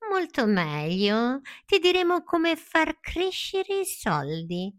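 A woman voicing a sly fox who talks in a sweet, coaxing, drawn-out voice. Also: sits high, sing-song, voice pushed up, exaggerated voice.

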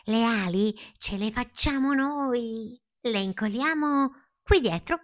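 A woman voicing a lively, bouncy female caterpillar full of ideas, talking in an excited, high, exclaiming way. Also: a little slow. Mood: eager.

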